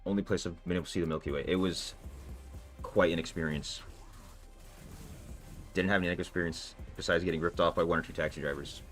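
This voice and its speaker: A man with a low, fairly even voice talks a little fast but leaves long pauses. As a livestream gamer he chats casually with viewers, answering them loosely and talkatively with many fillers, while faint background music plays.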